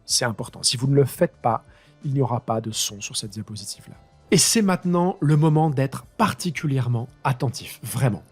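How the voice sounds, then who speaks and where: Husky male teacher talking through a tutorial. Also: mid-range voice, expressive, fairly quick, soft background music. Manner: talks through each click while improvising, addressing his students directly. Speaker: high school teacher. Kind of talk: screen-recorded software tutorial.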